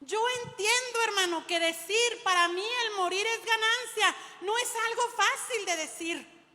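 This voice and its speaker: A woman preaching in a very high, bright voice. She tells stories from the pulpit and keeps turning to her listeners as "brother". Her voice carries a long reverb from the hall. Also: a little slow. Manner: storytelling, often addresses listeners as brother. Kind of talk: sermon.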